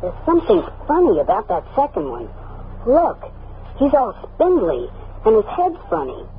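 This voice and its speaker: An actor playing an excitable young boy on a Mars homestead in an old-time radio drama. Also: medium pitch, moderate pace. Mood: nervous, wary. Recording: tinny, noisy vintage radio recording.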